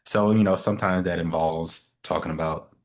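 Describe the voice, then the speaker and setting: A man's voice: sits low, steady tone, normal speed. A man co-hosting a casual podcast. He talks in an easygoing way, chuckles often and hesitates with fillers as he explains. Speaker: co-host. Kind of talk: casual chat.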